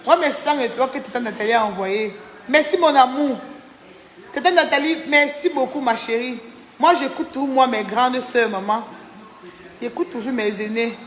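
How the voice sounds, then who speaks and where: A woman's voice: high-pitched, moderate pace, roomy sound, long reverb tail. Tired, chatty woman on a live stream. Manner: chatty, reads out viewer names, indignant. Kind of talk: casual live-stream chat.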